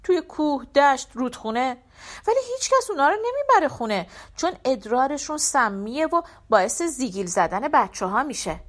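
A woman's voice: high-pitched, very animated, pitched above the performer's own voice. A woman voicing a male office servant from a village, telling local lore emphatically in an audiobook story. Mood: knowing.

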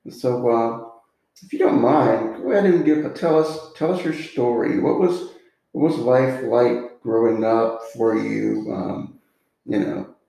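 A man hosts a casual podcast interview, friendly and loose with frequent fillers. His mid-pitched voice carries a gravelly fry. The recording has a noticeable roomy echo. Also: mellow. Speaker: podcast host.

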